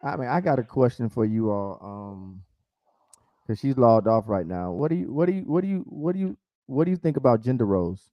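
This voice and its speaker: A man's voice: medium pitch, expressive, a little fast, dry recording, muffled recording. A man hosting an online dating show in a casual, informal way, often repeating his phrases. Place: online video call.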